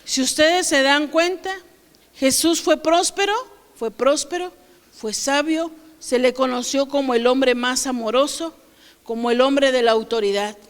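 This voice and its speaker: A woman's voice: sits high, a little slow. A woman pastor preaching a sermon to her congregation, often asking them questions and varying her delivery.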